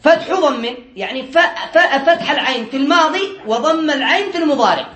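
A man teaching a classroom lesson on Arabic morphology to students, drilling word patterns by repetition, quizzing them with quick questions he answers himself, and joking lightly. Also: very high voice, lively intonation, fairly bright tone, roomy sound, muffled recording. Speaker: Islamic studies teacher.

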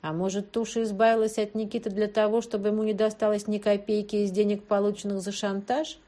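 A woman's voice: mid-range voice, fast. Woman narrating a tense audiobook. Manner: tense, expressive first-person telling.

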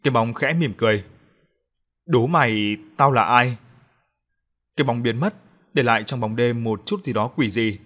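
Man calmly reading a horror story. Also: mid-range voice, quick pace. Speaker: audiobook narrator.

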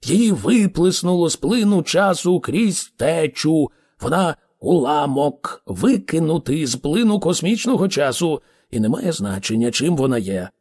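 Guy doing an impatient know-it-all in a storybook, pushy and raspy. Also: a little high, lively intonation, unhurried, darkish tone, long reverb tail, heavily acted. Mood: exasperated. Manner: insistent, lecturing, exasperated. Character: impatient, excitable alien man, Ford. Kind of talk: audiobook character voice.

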